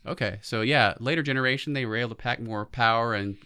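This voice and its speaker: A man's voice: medium pitch, fast talker, pushed and bright, clear, resonant tone. A man in his forties co-hosting a podcast, chatting casually about pop culture. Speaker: podcast co-host.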